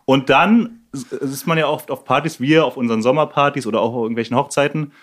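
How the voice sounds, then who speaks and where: A man's voice: medium pitch, fast. A man in casual podcast chat, earnestly explaining how he approaches parties. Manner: earnest, explaining his views.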